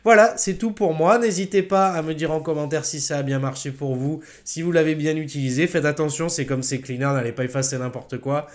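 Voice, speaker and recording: A man's voice: a little high, steady tone, brisk, hardly any pauses. Chatty French man with a mid voice. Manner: chatty, many fillers and self-corrections, chuckles at own slips. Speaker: tech tutorial host. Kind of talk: casual screen-recorded software tutorial.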